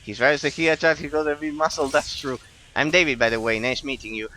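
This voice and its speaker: A man's voice: a little high, steady tone, fast talker, pushed and bright, faint music behind. A man in his late twenties with an Argentine accent, chatting casually to viewers as he streams a game, rambling and repeating phrases for emphasis. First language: Spanish. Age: late 20s. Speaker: live streamer. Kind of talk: casual chat to viewers during gameplay.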